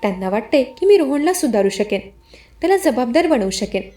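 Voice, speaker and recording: A woman voicing a patient young wife and elder sister in a spoken story, who speaks softly and quietly. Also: fairly high pitch, sing-song, brisk. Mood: sad. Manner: soft, hushed.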